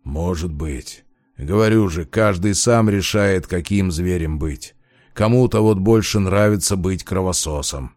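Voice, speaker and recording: A man voicing a weary, gruff old male wolf shapeshifter in an audiobook, speaking low and grumbling. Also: unhurried, darkish tone, no echo, clean studio sound. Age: older. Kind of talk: audiobook character voice.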